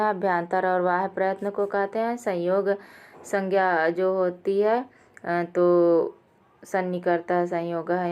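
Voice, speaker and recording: A woman teaching Sanskrit exam questions, going through each answer, often calling out to her viewers and correcting herself with a quick apology. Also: fairly low pitch, darkish tone, a little hiss or hum. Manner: addresses viewers as friends, with fillers and self-corrections. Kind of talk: quiz lesson explaining answers.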